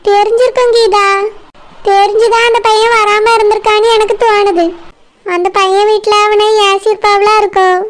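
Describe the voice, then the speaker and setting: A humble, kind pregnant village woman from a cartoon, voiced by a woman, speaking with a Kanyakumari Tamil accent. She talks softly and modestly. Her voice is pitched very high. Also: flat delivery, moderate pace. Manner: soft, modest.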